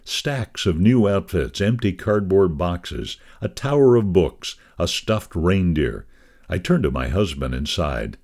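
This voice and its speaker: A man with a very low voice reads a devotional magazine column aloud. His reading is measured and scripted, and his intonation rises and falls in wide, lively swings. He keeps the same steady, expressive delivery throughout.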